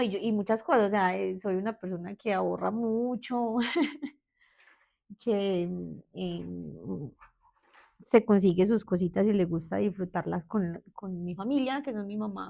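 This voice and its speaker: A woman's voice: medium pitch, unhurried, gravelly, warm tone. Colombian woman, thirties, medellín accent, candid interview guest, hesitant with restarts. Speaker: guest, therapist. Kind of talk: personal storytelling interview.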